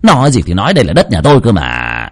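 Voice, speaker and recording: A man's voice: on the low side, wildly swooping pitch, fast talker. A man voicing a grumpy, defensive old bald landowner in a horror audiobook, talking in an indignant, self-justifying way.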